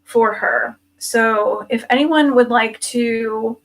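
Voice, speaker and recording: A woman's voice: on the high side, takes it slowly, a bit bright, low-quality recording. A woman hosting a show in a casual, conversational style. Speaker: show host.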